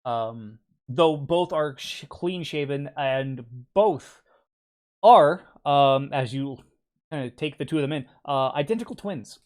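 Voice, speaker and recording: A man's voice: on the high side, expressive, slow. Hesitant male game master narrating. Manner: hesitant, many fillers.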